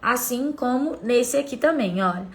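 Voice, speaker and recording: A woman's voice: on the high side, expressive, moderate pace. A woman teacher, patiently explaining a literacy lesson on a live stream and pointing viewers to examples.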